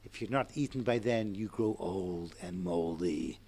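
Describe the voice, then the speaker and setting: An older man voicing a wry young woman student telling a joke, in a put-on Irish accent with a sly, drawn-out punchline. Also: sits low, dark tone, voice pushed down.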